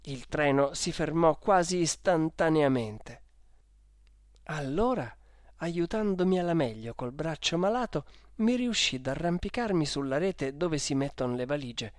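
Audiobook reader, lively storytelling, mid pitch, dry close sound. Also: no room sound. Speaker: narrator. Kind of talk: audiobook narration.

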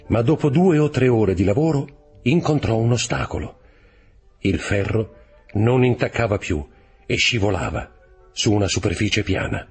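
A man narrating a classic novel as an audiobook, measured and expressive. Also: lowish voice, breathy edge. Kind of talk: scripted literary narration.

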